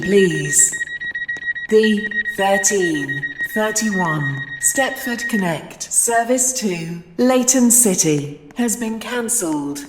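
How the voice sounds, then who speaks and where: A woman giving scripted train station announcements in a formal manner, phrase by phrase like pre-recorded segments. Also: medium pitch. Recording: echoey station PA, long reverb, ambient noise.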